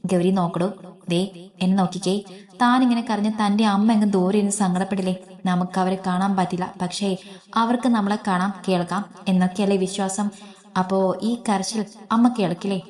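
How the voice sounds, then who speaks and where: A woman reading as a young college roommate in a spoken story, coaxing and playful in her own natural voice. She is cheerful and teasing, gently talking a homesick friend round. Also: medium pitch, lightly acted.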